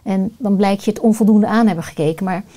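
Mellow-voiced woman coach, thoughtful and searching. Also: mid-range voice, fast. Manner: thoughtful, searching for words with many fillers. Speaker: guest, coach and family constellation facilitator. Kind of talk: reflective podcast conversation.

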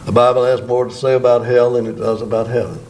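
A man's voice: medium pitch, little pitch movement, fast talker, a little mellow, slight background noise. An older man, a pastor, preaching a sermon at a church podium microphone, drawing out words for emphasis. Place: church sanctuary before a bank of flowers.

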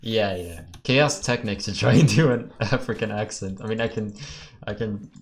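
A man's voice: on the low side, moderate pace. A man from Belgium streaming a video game with friends, chatting casually and laughing often. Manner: excitable, laughs often, yells when panicked. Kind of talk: casual gaming chat.

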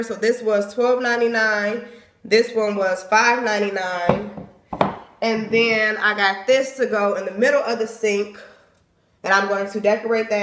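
A woman's voice: medium pitch, a bit bright. A young woman filming herself on a phone in her bathroom, chatting casually as she shows items and their prices. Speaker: home decor vlogger. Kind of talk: casual haul and home tour. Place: small home bathroom, indoors. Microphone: phone camera at arm's length. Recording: echoey bathroom.

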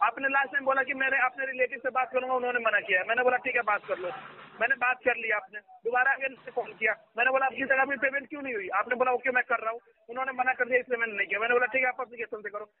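A man with a very high voice scolds a customer in a rushed, agitated burst, over and over demanding to be heard. He talks quickly and cuts in constantly. The sound comes through a tinny phone line. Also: steady tone, a little hiss or hum. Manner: agitated, keeps repeating "listen to me", talks over the other man. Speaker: loan recovery agent. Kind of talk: heated phone argument. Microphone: phone call.

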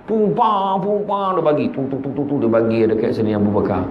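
A man with a northern Malaysian accent giving a lively religious talk, acting out stories and joking with his listeners. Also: rapid-fire, faint music behind. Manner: swings pitch widely, acts out characters, jokes. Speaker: preacher. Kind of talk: animated religious talk with storytelling. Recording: echoey room, slightly dull sound, faint noise.

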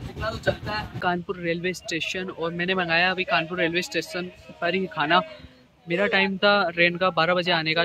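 A young adult travel vlogger narrates his train trip, chatting upbeat to viewers he calls "guys" while filming himself on a phone held at arm's length. His voice sits high. The crowded coach and station platforms make the recording noisy.

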